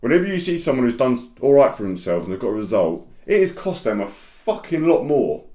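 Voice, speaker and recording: A man's voice: mid-range voice, big pitch swings, a little fast, warm tone, roomy sound. A man coaching construction business owners in a blunt, straight-talking monologue, swearing often and hammering points through repetition.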